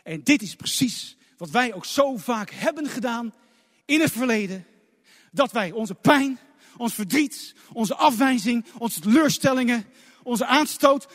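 A man's voice: very high-pitched, animated, unhurried, fairly bright tone. A man preaching a sermon emphatically, asking the congregation rhetorical questions. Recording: long hall reverb.

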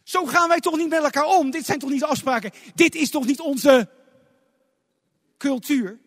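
A man voicing a grieving, indignant woman who pleads loudly and reproachfully with her Lord. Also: very high-pitched, normal speed, voice pushed up. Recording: long hall reverb.

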